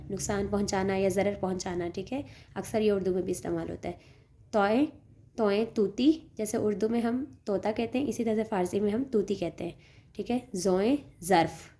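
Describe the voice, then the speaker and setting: A woman teaching a lesson, speaking patiently, slowing down to sound out each word and often checking with "okay". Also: mid-range voice, mellow, a little hiss or hum. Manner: patient, slows to spell out each word, often adds "theek hai". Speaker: language teacher. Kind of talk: teaching a Persian alphabet lesson.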